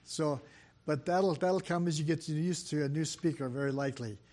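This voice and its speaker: An older man, a guest preacher, delivers a sermon into a microphone in a church sanctuary, his voice soft and slightly high. He speaks fast, often pausing for fillers and restarting sentences, while his tone stays gentle and personal.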